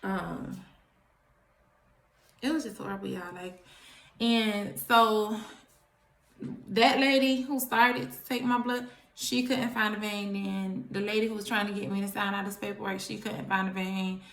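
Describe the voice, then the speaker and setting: A young woman, telling a personal story to her viewers in a chatty, animated way. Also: medium pitch, a little slow, pauses often. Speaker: vlogger. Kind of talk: casual storytelling to camera. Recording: echoey room.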